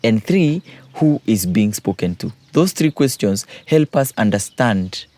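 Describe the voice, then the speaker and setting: A man's voice: on the low side, animated, a little slow, warm tone, no room sound. A man, a teacher patiently explaining poetry exam questions and repeating key points.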